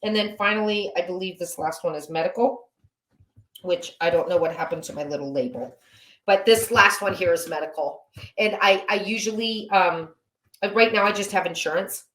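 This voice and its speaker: A woman's voice: fairly low pitch, moderate pace, fairly bright tone. Woman vlogger, casual how-to talk, practical and self-mocking, roomy echo. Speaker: home organizing channel host. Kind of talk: casual instructional talk to camera. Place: home office.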